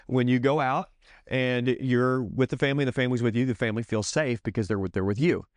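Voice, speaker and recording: A man's voice: mid-range voice, no room sound, clean studio sound. A middle-aged man talking to other parents in a casual teaching style, earnest and rambling, often stopping to correct himself.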